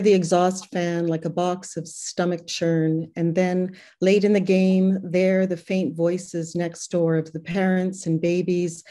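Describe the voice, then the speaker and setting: An older woman reads a prose poem calmly and without hurry. Her voice sits low and mellow, and she speaks over a video call from a room at home lined with posters and books. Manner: calm, unhurried prose-poem reading. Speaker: poet reading her work. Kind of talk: poetry reading.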